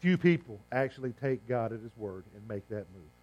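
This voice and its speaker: A man preaching a sermon, hoarse, with emphatic phrasing, rhetorical questions and slow stressed lines. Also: mid-range voice, lively intonation, darkish tone, dull audio. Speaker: pastor.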